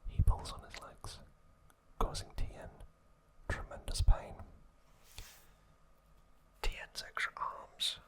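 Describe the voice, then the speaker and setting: Like a late-night ASMR channel host, a man slowly whispers episode trivia to someone tucked up in bed. He stays hushed and unhurried, leaving deliberate gaps between phrases.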